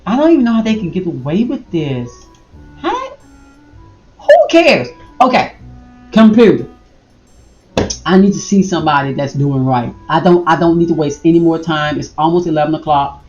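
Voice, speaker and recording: A middle-aged woman talks straight to her viewers, reacting out loud in a casual vlog. Her pitch leaps and dips as she exclaims. The room is echoey, with faint music in the background. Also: lively intonation, brisk, dull audio. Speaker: vlogger. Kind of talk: casual vlog commentary while browsing online.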